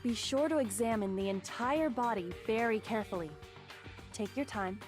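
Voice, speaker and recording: A woman playing a composed teenage girl detective in an anime game, calm, confident and cryptic. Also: a little high, normal speed, over music, lightly acted. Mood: calm confidence. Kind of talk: dubbed anime game acting.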